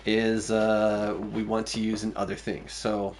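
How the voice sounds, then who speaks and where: Low gravelly man musing over a game. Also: monotone, a little slow, a little hiss or hum. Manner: musing aloud, thinking through choices. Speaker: streamer. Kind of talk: casual gameplay commentary.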